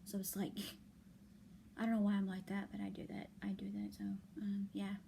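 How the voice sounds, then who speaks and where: A young woman, tired and up late, vents to the people watching her vlog in a soft, stop-start voice that often sinks to a half-whisper, packed with fillers. Her medium-pitched voice is slightly hoarse and delivered flatly, over slight background noise.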